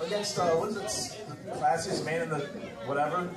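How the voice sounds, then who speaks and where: A man's voice: on the high side, normal speed. A man giving casual, joking remarks as a guest on wrestling commentary. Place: indoor wrestling venue with audience. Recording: echoey, distant, loud crowd noise.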